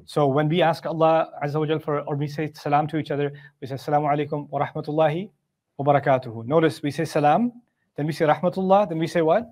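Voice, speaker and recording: Brief: male Quran teacher, slightly higher-pitched voice, chatty explainer who recites Arabic verses and checks in with his listeners. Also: fairly even intonation, quick pace, darkish tone. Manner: conversational, asks rhetorical questions. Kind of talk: Quran commentary lecture.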